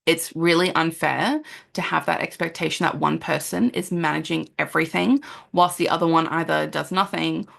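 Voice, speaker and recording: A woman in her thirties hosts a solo parenting podcast, her voice sitting low with a heavy, crackly fry running through it. She talks in an earnest, chatty way, leaning on "um" and "like" as she goes. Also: fairly even intonation, normal speed, a bit bright. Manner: earnest and conversational, with frequent "um" and "like" and occasional laughs. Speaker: podcast host, parenting counsellor.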